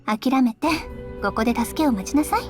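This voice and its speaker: A woman's voice: on the high side, rapid-fire, over music, close to an everyday voice. A woman voicing a flirty, playful female teacher in an anime-style game. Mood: teasing. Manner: teasing, sing-song.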